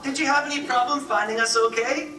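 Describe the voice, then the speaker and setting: A man's voice: extremely high pitch, fairly even intonation, a little fast, noisy background, voice pushed up. A man voicing a hotel front desk woman who is chirpy and overly pleasant. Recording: echoey room, distant mic, music behind.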